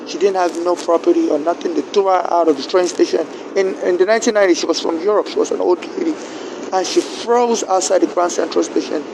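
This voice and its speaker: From Nigeria, a man with a Nigerian accent and a first language other than English haltingly shares a personal story, repeating words and beginning again. His high voice has a gravelly edge, and there's background noise.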